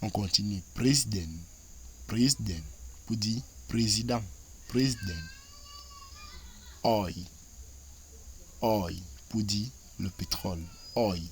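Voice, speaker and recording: A man with a Cameroonian French accent teaching English, repeating each word several times in a slow drilling cadence. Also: lowish voice, slight background noise. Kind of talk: French-language vocabulary and grammar lesson.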